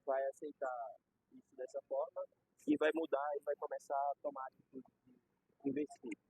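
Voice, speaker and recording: A young man with a Brazilian Portuguese accent chats casually, explaining ideas through everyday examples and slang. His medium-pitched voice swings widely, moves at normal speed, and sounds gravelly, husky, and a little mellow, on a dull lo-fi recording.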